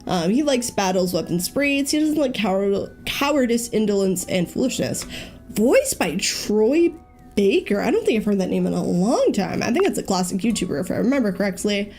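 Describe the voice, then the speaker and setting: A young woman talks through a game in casual let's-play commentary, thinking aloud with many ums. Her pitch moves in a lively way. Faint game music sits behind her. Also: a little fast, hardly any pauses. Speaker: gaming YouTuber.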